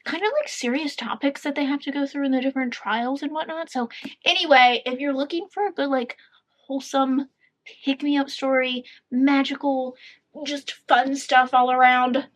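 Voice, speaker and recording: Upbeat female book vlogger, high voice, rambling casual chat. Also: fairly even intonation, normal speed, a bit bright. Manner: chatty and upbeat, rambling with fillers.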